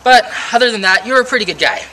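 A woman's voice: fairly high pitch, lively intonation, fast talker, pushed and bright. A woman playing a vengeful young prince, mixing sarcasm with melodrama. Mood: sarcastic. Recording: roomy, distant camera mic, noisy.

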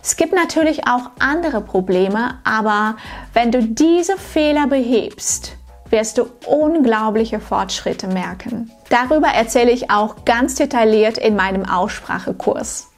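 A woman coaching German pronunciation in a scripted tutorial to camera, slow and clearly articulated, like a teacher. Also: on the high side, lively intonation, soft background music.

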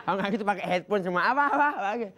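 A man from Java doing a stand-up routine on a comedy stage, acting out shouts and slow, soft talk. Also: high voice, expressive, dull audio, very noisy. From Java, Indonesia.

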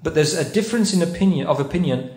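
Fast and animated, with a fairly high but slightly mellow voice, a guest speaker at a mosque conference lectures like a sermon, asking the audience questions and reciting Arabic verses. It's recorded in a carpeted indoor prayer hall that echoes.

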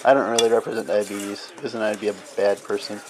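A young man, a vlogger, films a home video in a kitchen on a handheld camera mic, teasing and wisecracking in casual banter. He talks fast in a lowish, level voice. Heavy background noise runs under him.

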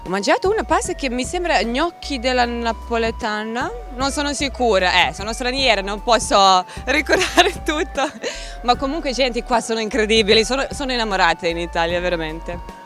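Bright-voiced young Serbian-accented woman. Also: on the high side, expressive, moderate pace, soft background music. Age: young adult. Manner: non-native, slightly broken grammar. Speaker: model agency head and model. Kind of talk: casual on-the-street interview answers. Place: outdoor café street at night. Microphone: handheld interview microphone.

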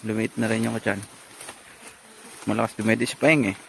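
A man's voice: fairly low pitch, steady tone, normal speed, gravelly, fairly bright tone, a little hiss or hum. A man vlogging from his farm outdoors, chatting casually to viewers and calling out to his carabao. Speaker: farmer vlogger. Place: outdoors on a farm among trees. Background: insects and animals.

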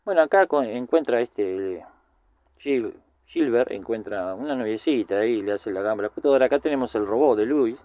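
Male film commentator, Rioplatense accent, mid-pitched, rambling casual recap, dry room. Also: expressive, brisk, dry recording, highs cut off. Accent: Rioplatense Spanish. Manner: rambling, chatty, many filler words.

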